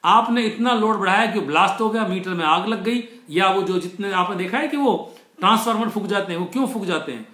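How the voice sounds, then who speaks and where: A man giving an online motivational lecture, explaining step by step, slowing down to stress key words and mixing English phrases into his talk. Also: high-pitched, pushed and bright, roomy sound. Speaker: motivational speaker.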